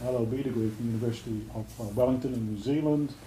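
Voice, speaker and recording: A man introduces a guest speaker in a brisk, informal way, improvising as he goes. The room rings around his voice, with faint noise behind it. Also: mid-range voice, dark tone. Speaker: event host introducing a speaker. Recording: roomy hall sound with faint noise.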